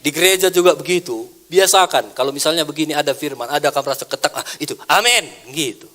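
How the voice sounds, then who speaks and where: A male pastor, preaching a sermon in an animated way, dropping to soft asides and rising to loud exclamations. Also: on the high side, fast talker. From Indonesia.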